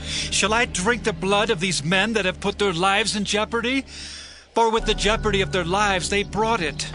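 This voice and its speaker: A man's voice: sits high, moderate pace, over music. A man playing a devout warrior king in an earnest, declamatory dramatized scripture reading. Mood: solemn refusal. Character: King David, devout male warrior leader, longing and solemn.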